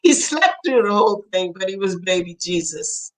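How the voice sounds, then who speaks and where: An older woman from Trinidad, a poet being interviewed, telling family stories with lively quoted voices. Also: medium pitch, normal speed, poor audio. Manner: animated storyteller, acts out quoted voices, laughs often. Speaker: poet and author, interview guest. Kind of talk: storytelling in conversation.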